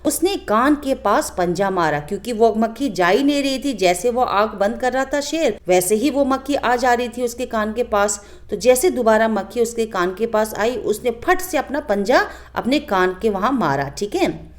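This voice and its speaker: Animated woman teacher telling a story. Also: a little high, normal speed. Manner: animated storytelling with questions to pupils. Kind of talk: explaining a children's story lesson.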